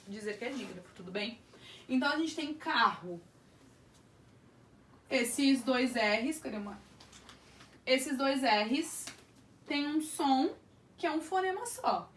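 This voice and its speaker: Woman teacher, Brazilian accent, high voice, distant mic, echoey room. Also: a bit bright, a little hiss or hum. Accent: Brazilian Portuguese. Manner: explanatory, stretches words out to sound syllables. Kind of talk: online grammar lesson.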